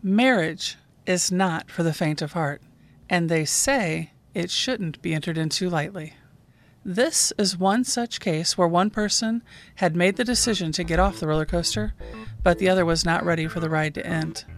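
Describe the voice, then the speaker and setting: A woman with a somewhat low voice tells a true emergency call story in a calm, measured, scripted way. She narrates as a dispatcher hosting her own podcast. Faint music plays under her voice. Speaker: podcast host, 911 dispatcher.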